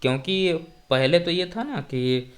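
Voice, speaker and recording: A man with a Bundelkhandi Hindi accent giving exam preparation advice in an interview, explaining in a measured way and often checking in with his listener. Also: on the high side, expressive. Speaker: exam topper guest.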